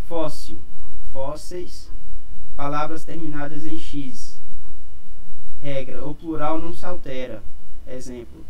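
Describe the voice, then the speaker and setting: A man's voice: fairly high pitch, far from the mic, slight background noise, low-quality recording. A man explaining grammar rules in a lesson, methodically listing each rule with paired examples, with a Brazilian Portuguese accent. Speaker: exam prep teacher.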